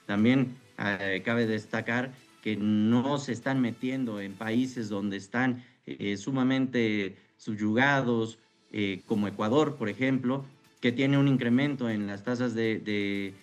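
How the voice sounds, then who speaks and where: A man giving live political analysis as a guest, in halting, deliberate phrases. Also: mid-range voice, muffled recording, faint music behind. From Mexico. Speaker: interviewed political commentator.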